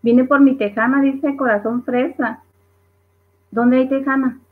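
Lady on a live, reads comments out loud, bit high voice, phone-ish audio. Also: steady tone, measured pace. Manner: reads viewer comments aloud with laughs. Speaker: livestream host. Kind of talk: casual live chat reading comments. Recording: tinny phone-like livestream audio.

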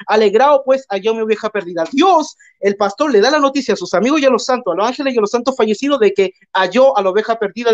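Man, debate voice, mocking, rhetorical questions, muffled call audio. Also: very high-pitched. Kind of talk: heated online debate.

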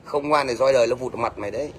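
A man's voice: medium pitch, rapid-fire. A middle-aged man with a Northern Vietnamese accent, ranting at a commenter on a livestream in a blunt, scolding way and often asking "thấy chưa?". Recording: faint background noise.

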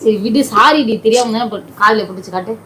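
A woman's voice: a little high, fast, sharp tone, slight background noise, poor audio. A woman who keeps pleading and scolding in a comedy sketch at home. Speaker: comedy video creator.

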